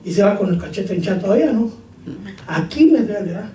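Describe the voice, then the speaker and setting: Male preacher, jokes and hollers scripture, high voice, faint noise in back. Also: animated, fast. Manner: shouts scripture, jokes with congregation. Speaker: pastor. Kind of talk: sermon. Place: church hall. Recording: echoey room, far from mic.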